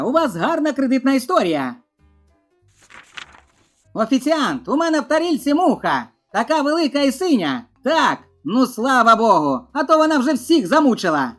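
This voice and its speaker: Female joke reader with a high, animated voice and soft background music; she deepens her voice for the men in each joke. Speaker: joke narrator. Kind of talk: reading a string of short jokes.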